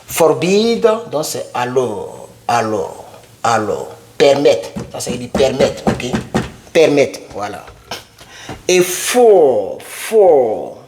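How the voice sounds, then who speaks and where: Slow-talking man teaching English words. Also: mid-range voice, very animated, darkish tone, slight background noise. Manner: chatty, repeats words many times, asks viewers questions. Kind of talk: casual whiteboard lesson.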